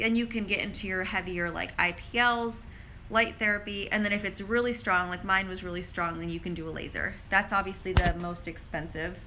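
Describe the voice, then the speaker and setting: This low-quality clip has a woman pharmacist answering viewer questions during an informal live stream, recorded on a phone held in her hand. Her lowish voice is bright and forceful, and she reads each question aloud and chats with frequent "like" fillers. Slight noise sits in the background.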